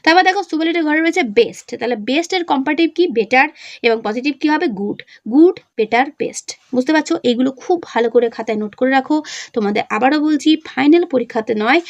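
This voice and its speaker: A woman's voice: sits high, lively intonation, no echo, lo-fi sound. A woman with a Bengali accent teaching an English revision lesson step by step, asking questions and answering them herself. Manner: reads example sentences slowly.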